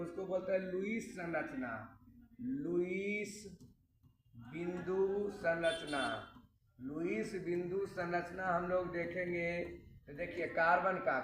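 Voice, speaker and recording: Male Bihari-accented chemistry teacher, high voice, repeats points, recorded from afar in an echoey room. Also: a bit bright, recorded from a distance, slight background noise. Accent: Bihari Hindi. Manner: repeats key points, addresses students as kids. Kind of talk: classroom lecture at a board.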